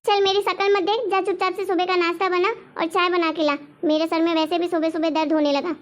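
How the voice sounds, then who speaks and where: A woman's voice: very high voice, little pitch movement, fairly quick. A woman playing a harsh, stingy mother-in-law who scolds and taunts her daughter-in-law in a homemade family drama. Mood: scolding. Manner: scolding, taunting, repeats demands. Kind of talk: homemade web-drama acting.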